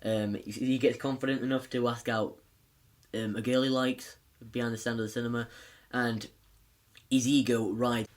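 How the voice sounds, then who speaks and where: A man's voice: medium pitch, level tone, normal speed. Rambling man reviewing a film. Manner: rambling, many fillers and restarts.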